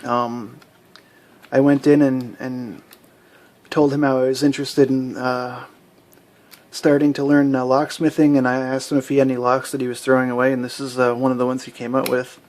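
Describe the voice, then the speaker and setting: A man's voice: medium pitch, normal speed. Rambling casual man at home. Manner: rambling, relaxed, many fillers and restarts. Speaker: hobby lock picker showing his collection. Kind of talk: casual show-and-tell.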